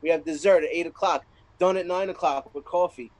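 A man's voice: a little high, fairly even intonation, brisk, darkish tone, low-quality recording. A man co-hosting a casual comedy podcast, telling rambling family stories and laughing often. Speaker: co-host. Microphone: remote call.

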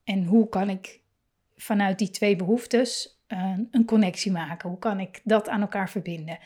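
A woman's voice: medium pitch, fairly even intonation, normal speed, darkish tone. A woman hosting a parenting podcast, talking casually and thinking aloud with many fillers and restarts. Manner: laughs often and acts out parent and child lines. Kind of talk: casual solo podcast talk.

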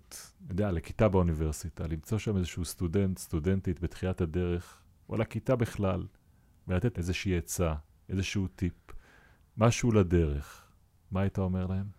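A man hosting a podcast interview who asks calm, measured questions. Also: low voice. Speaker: podcast host.

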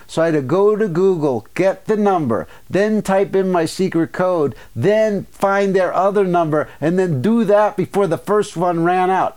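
A man with a smooth, resonant voice chats on a podcast. He rambles through stories and breaks into little acted asides along the way. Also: high-pitched, darkish tone. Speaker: podcast co-host. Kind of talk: casual chat.

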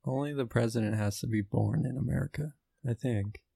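A man co-hosting an improv comedy podcast, pitching ideas in loose, hedging chat. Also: a little fast, creaky, warm tone, husky, no echo. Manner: loose, hedging, laughing brainstorm talk. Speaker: podcast co-host.

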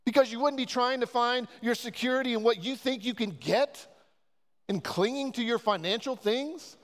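A man's voice: extremely high pitch, moderate pace, a bit bright. A man preaching a sermon as pastor, earnest and urging, pressing his listeners with repeated questions. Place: church sanctuary. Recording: long church reverb.

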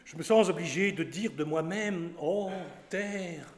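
Boastful pedant doctor played by a man, lecturing, showing off Latin, higher voice, roomy hall with long reverb. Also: a little slow, natural voice. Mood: pompous. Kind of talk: theatrical stage acting of classic comedy.

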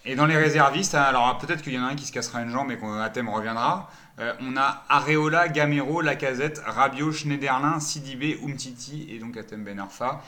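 A man's voice: medium pitch, a little fast, few pauses, bright, forceful tone. A man hosting a casual football debate show, moderating and steering the talk between topics. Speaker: show host.

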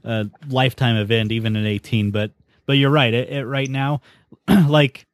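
A man hosting a podcast in relaxed, casual conversation, leading the talk. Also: mid-range voice, normal speed, dry recording, studio quality. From United States. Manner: easygoing, leads the conversation. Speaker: podcast host.

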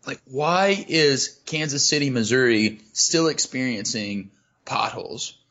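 A man's voice: medium pitch, measured pace, fairly bright tone, lo-fi sound. A man co-hosting a podcast, ranting casually and sarcastically with loose, comic swearing. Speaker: podcast co-host. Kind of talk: casual comic rant, profane.

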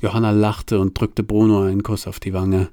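A man reading a novel aloud in a dry, deadpan storytelling manner. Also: on the low side, normal speed, dry recording. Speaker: narrator. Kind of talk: audiobook reading.

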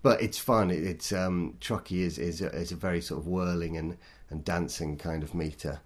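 A man, a poet, talking thoughtfully and self-deprecatingly in an interview, in a halting way. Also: sits low, steady tone. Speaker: poet guest. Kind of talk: interview conversation.

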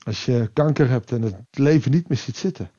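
A man preaching a devotional sermon, reflective and pausing, rising with emphasis and then dropping to a quiet voice. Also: medium pitch, dull audio.

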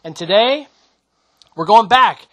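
A man co-hosting a casual podcast with a friend, easygoing and quick to laugh, with some hesitant fillers. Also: high-pitched, lively intonation, sharp tone. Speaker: podcast co-host. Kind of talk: casual chat.

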